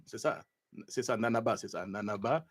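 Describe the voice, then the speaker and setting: A man's voice: fairly low pitch, moderate pace, husky. A man hosting a live talk show, giving indignant political commentary while looking things up online. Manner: animated, indignant, searching online while talking. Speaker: show host.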